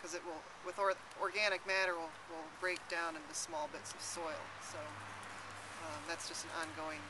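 A woman's voice: deep voice, little pitch movement, normal speed. A young woman who runs an urban farm, answering interview questions in a thoughtful way with many fillers and restarts. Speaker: urban farmer. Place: outdoors in a city garden. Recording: loud outdoor background noise.

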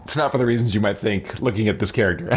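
A man with a fairly low voice gives loose, rambling live commentary on his gameplay, chatting like an eager fan from a small room at home. The recording carries a little hiss or hum along with faint video game sound.

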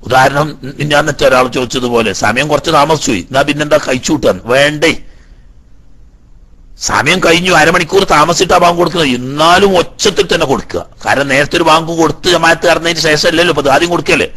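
A man teaches a religious law class. His voice is bright and a little husky, and it sits somewhat high. He reads short Arabic phrases, explains each one, and puts rhetorical questions to his listeners. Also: fast talker. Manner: explains Arabic text line by line, then paraphrases. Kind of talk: Islamic law class lecture.

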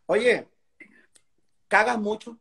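High-pitched man telling a crude joke. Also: extremely slow, vocal fry, fairly bright tone. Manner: crude slang-heavy storytelling, acts out quoted characters. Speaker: host. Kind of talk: casual chat, joke telling.

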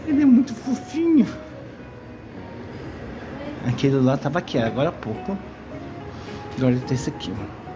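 An older Brazilian man vlogs from a cat café, chatting casually to viewers on a phone held at arm's length, delighted by the cats. His mid-range voice swoops wildly in pitch at a normal pace, broken by long pauses. The audio is poor, with background music.

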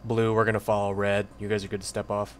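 Lowish, even-voiced male squad leader. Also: fast, slight background noise. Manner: informal but directive, giving squad instructions. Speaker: squad leader in a military simulation game. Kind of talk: tactical gameplay voice chat.

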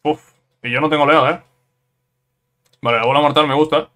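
A man from giving casual let's-play commentary on a fighting game, excitable, repeating words in quick bursts and ending phrases with "eh?". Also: on the high side. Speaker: gameplay commentator.

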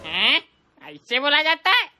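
A woman's voice: sits high, big pitch swings, takes it slowly, music in the background, full character voice. A woman playing a preachy old village grandmother who scolds the teacher. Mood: scolding.

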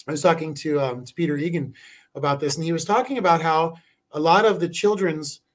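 A man hosting a podcast interview, enthusiastic and halting, with many fillers and restarts. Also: fairly high pitch. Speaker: podcast host.

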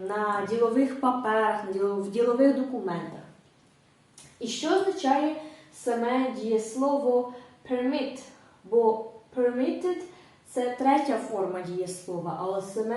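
Higher-voiced woman teacher in an echoey room. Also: a little mellow. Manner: clear, patient step-by-step explaining with brief hesitations. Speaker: English teacher. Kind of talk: explaining grammar in a video lesson. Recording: echoey room, mic at a distance.

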